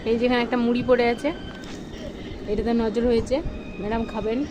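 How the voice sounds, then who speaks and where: A woman's voice: fairly high pitch, level tone, a little fast, noisy background. A young adult woman, a mother, talking baby talk to her infant in a coaxing, sing-song way, over background music.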